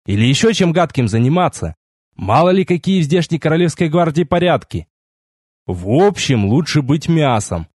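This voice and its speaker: A man reading a first-person fantasy novel aloud with wry, lively storytelling. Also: a little high, moderate pace, husky, no echo, studio quality. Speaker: audiobook narrator.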